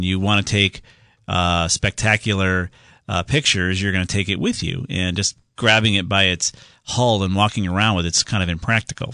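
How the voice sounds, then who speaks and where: A man's voice: sits low, bright, forceful tone, no room sound, clean studio sound. A man hosting a radio call-in show, casually explaining computer fixes step by step. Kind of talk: casual call-in tech advice.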